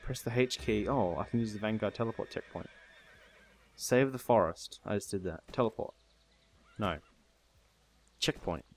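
Low-voiced man cursing through a game. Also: normal speed, long pauses, breathy edge. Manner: swears freely, laughs often, reads game text aloud. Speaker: gamer host. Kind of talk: casual gaming commentary.

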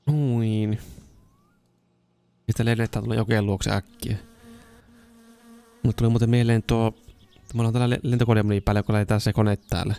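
A young man giving casual let's-play commentary, chatting to himself as he plays and now and then bursting into excited shouts. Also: on the low side, creaky, pauses often, clean tone. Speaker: gaming YouTuber.

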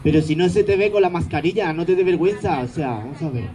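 Sarcastic high-voiced stage comedian, man. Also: fast, dark tone, a little hiss or hum, rough recording. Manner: sarcastic, mock-grumpy, teasing the audience. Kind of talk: live stage comedy with audience banter.

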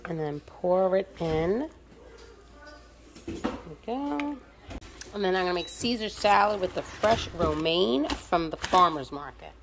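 A US home cook vlogger gives casual, step-by-step narration while cooking a meal in her home kitchen. She speaks in a mid-range voice against a noisy background.

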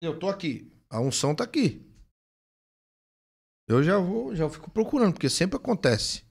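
A man tells a church story with lively, swooping intonation. His voice has a gravelly edge, and he acts out the lines of the other people in the story, all in a relaxed, conversational way. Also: high-pitched, normal speed. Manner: animated storytelling, acts out dialogue. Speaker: pastor. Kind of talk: casual testimony in a conversation.

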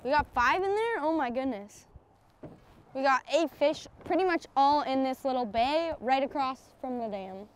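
A young woman vlogging from a fishing boat outdoors, excitable and cheering at each catch, recorded on an action camera. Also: sits high, moderate pace, clear, resonant tone. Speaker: vlogger, angler. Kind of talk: excited fishing vlog chat.

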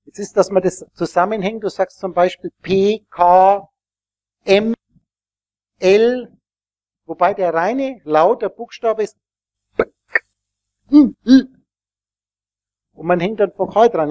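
A man with a notably high voice lectures a room full of listeners, wandering from point to point and checking whether they are following. His sound is close and dry, with almost no room echo. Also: darkish tone. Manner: rambling, explanatory, asks the audience questions. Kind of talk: live teaching talk to an audience.

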